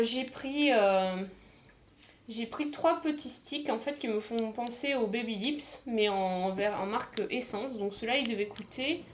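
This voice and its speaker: A woman's voice: fairly high pitch, a little hiss or hum. A woman from the south of France chatting casually in a beauty haul video, hesitant, with many fillers and restarts. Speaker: beauty vlogger.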